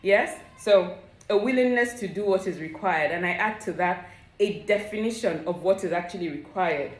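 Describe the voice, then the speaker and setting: A woman's voice: on the low side, moderate pace. A woman giving a motivational talk to her viewers, earnest and coaching, often checking that they follow her. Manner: earnest, coaching, asks "do you understand?". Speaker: vlogger. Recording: roomy echo.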